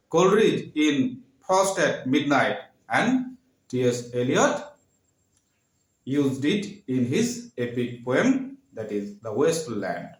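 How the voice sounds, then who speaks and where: A man teaching a literature lesson, speaking haltingly, with frequent fillers and repeated terms. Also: medium pitch. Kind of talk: classroom lecture. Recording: echoey room.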